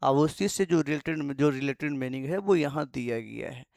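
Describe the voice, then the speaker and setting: A man's voice: mid-range voice, moderate pace, creaky, darkish tone, dry recording, clean studio sound. A man teaching English vocabulary in a Hindi lesson, repeating each meaning and asking his students rhetorical questions.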